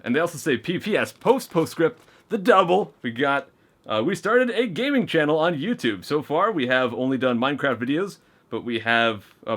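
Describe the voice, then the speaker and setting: Reading fan letters aloud on camera, a man with a slightly high voice chats away excitedly as he opens his mail. It's casual, and he trips over his words every so often.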